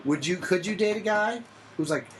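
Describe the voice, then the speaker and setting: A co-host in casual chat who cracks crude jokes with a lively delivery. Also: mid-range voice, moderate pace, noisy background. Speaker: podcast co-host.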